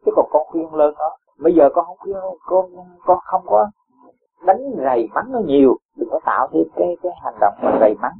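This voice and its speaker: A man gives a dharma talk in a husky, somewhat high voice. He explains patiently with everyday examples and soft chuckles. The sound is thin and lo-fi, like a phone line. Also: brisk. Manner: gentle, chuckling, homely examples. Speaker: Buddhist teacher. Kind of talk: dharma talk answering a follower.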